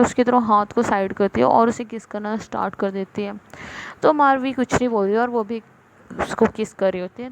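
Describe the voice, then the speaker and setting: A woman casually retelling a romance story in a soft, low-key way, with many fillers. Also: a little hiss or hum, poor audio.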